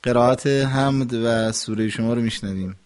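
A man's voice: medium pitch, a little mellow. A man hosts a call-in radio program from the studio. He speaks in a patient, teacherly way with a mid-range voice, often demonstrating how words should sound. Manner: patient, corrective, demonstrates pronunciation. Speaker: radio host and recitation teacher. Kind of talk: instructive radio call-in talk.

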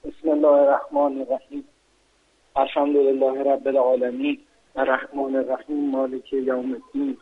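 A man's voice: medium pitch, husky. A man calling into a radio show, reciting carefully and answering the host with eager politeness. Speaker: caller. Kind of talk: recitation and polite phone chat. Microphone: telephone. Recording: phone line call into radio.

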